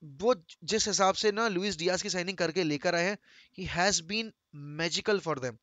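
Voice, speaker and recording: A man's voice: high-pitched, a little slow, a bit bright, no echo. A young man with an Indian accent giving a passionate football preview, switching between Hindi and English and swearing now and then. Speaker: fan channel host. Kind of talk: opinionated football preview monologue.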